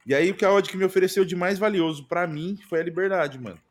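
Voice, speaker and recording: Fast-talking Brazilian streamer guy. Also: high voice. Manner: slangy, animated, repeats mano and velho. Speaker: streamer guest. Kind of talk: casual podcast chat.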